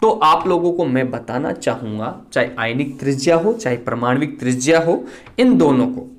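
A man teaching a chemistry lecture online, speaking quickly and explaining step by step, often asking a question and then answering it himself. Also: medium pitch, lively intonation.

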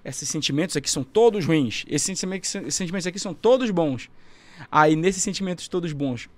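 Reflective Brazilian man, slightly high voice. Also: lively intonation, a little fast, dry recording. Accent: Brazilian Portuguese. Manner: reflective, soft-spoken, ending phrases with "né?". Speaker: musician guest. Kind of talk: casual podcast interview.

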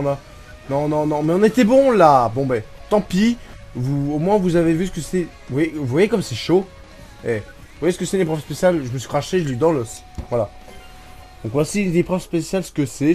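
A man from France giving casual, excitable commentary over his racing game, swearing and mocking himself. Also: medium pitch. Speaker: gaming YouTuber. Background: game music.

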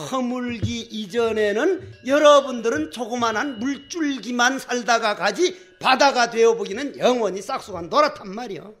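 A Buddhist monk. He talks in a folksy, animated way and keeps throwing rhetorical questions at them. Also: very high-pitched. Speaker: Buddhist monk giving a dharma talk. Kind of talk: sermon.

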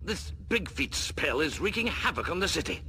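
A man voicing a practical, worried male raven in a cartoon dub, brisk and wry. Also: on the high side, big pitch swings, crowd noise. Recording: loud music under the dialogue.

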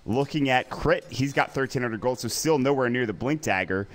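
During an esports match, a male play-by-play commentator speeds up with excitement in the fights and relaxes when things go quiet. His voice is medium-pitched, with a little hiss or hum underneath.

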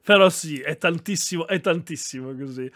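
A man's voice: a little high, moderate pace, a bit bright. A young man chatting animatedly on a live stream, reacting to posts and thanking viewers, often breaking into laughter.

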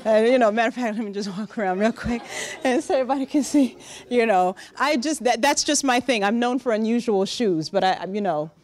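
A middle-aged woman giving a lively, direct motivational talk to young interns in a large conference room, speaking into a handheld microphone. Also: on the high side, brisk. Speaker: workshop speaker. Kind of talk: motivational professional-development talk.

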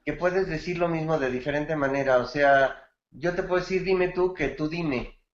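A man's voice: a little high, normal speed, roomy sound, muffled recording. A man teaching songwriting gives feedback on a student's bolero, praising it and explaining grammar with song examples. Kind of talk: feedback in an online class.

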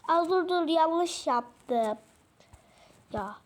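Using a very high, animated voice with drawn-out words, a woman screen-records gameplay on her phone and talks to herself, exasperated and rambling, as she shows the game settings. The phone's own microphone picks her up.

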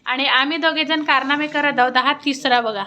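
A woman's voice: high voice, steady tone, moderate pace, pushed and bright. A young woman vlogging at home on a phone, chatting to viewers and coaxing a toddler in a sing-song way. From Sakoli, Maharashtra. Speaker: family vlogger. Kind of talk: casual home vlog. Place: family home indoors.

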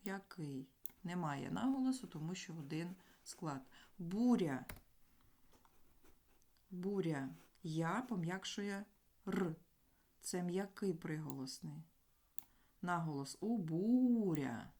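A woman teaching a grammar lesson, explaining sounds deliberately and sounding out letters and words one by one. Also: fairly low pitch, animated, darkish tone.

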